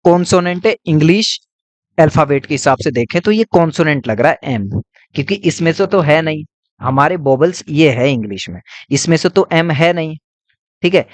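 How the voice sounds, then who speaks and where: A man's voice: fairly high pitch, expressive, moderate pace, dry recording. A man teaching an English grammar lesson, explaining step by step and asking and answering his own questions while he writes on a board.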